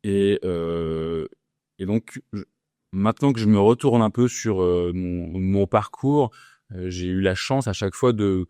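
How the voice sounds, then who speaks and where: Low-voiced hesitant man, forty. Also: mellow, smooth, no room sound. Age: 40s. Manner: hesitant, many fillers and restarts. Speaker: podcast guest, entrepreneur and investor. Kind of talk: casual interview talk.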